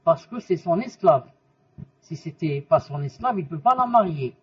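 A man's voice: a little high, lively intonation, normal speed, a little mellow, husky. A man teaching a religious lesson, explaining by asking questions and repeating the answers, and mixing in Arabic terms and quotations. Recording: muffled voice from a distance.

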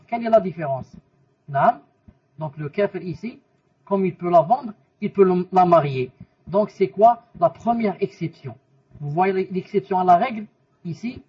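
Man, religious teacher: husky, high voice, mixes Arabic terms into the lesson, muffled recording from a distance. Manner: explains by asking questions and repeating answers.

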